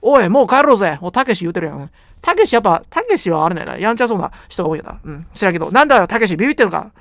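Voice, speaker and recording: A young man with a Kansai accent talks at a breakneck pace, his pitch leaping around as he rambles and jokes through a horror game. He makes fun of himself and the game's characters. The sound is close and dry, with no room around it. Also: big pitch swings, very fast, gravelly, a bit bright, dry recording. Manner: joking, rambling, self-deprecating banter. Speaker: game streamer. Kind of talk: horror game let's play commentary.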